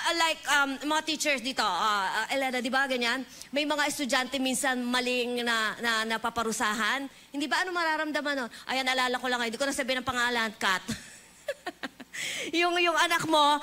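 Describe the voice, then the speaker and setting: A woman preacher with a Filipino accent giving a lively sermon in a church, mixing English and Filipino and leading the congregation in prayer. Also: high-pitched, moderate pace. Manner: animated, leads the congregation in call-and-response prayer. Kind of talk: bilingual sermon. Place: church hall.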